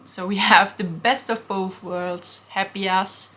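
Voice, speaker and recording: In her bedroom at home, a young Austrian woman who runs a vintage shop vlogs a Q&A, answering viewer questions in a chatty way with frequent ums. Her voice is medium-pitched and a bit bright, with fairly even intonation and a slow pace. Faint construction noise drifts in from next door.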